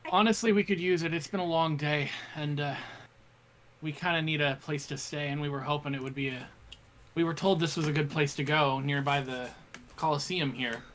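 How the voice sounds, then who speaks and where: A man's voice: fairly high pitch, fairly even intonation, brisk, fairly bright tone. A man playing a character in a tabletop game, chatty and playful. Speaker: player. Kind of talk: casual tabletop play.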